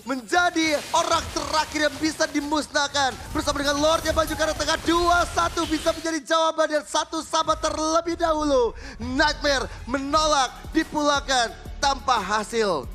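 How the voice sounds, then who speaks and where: High-pitched hyped male esports announcer. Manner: excited, dramatic, drawn-out shouted calls. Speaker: esports match commentator, play-by-play caster. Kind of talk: hyped fighting-game announcer style play-by-play. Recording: loud game music behind.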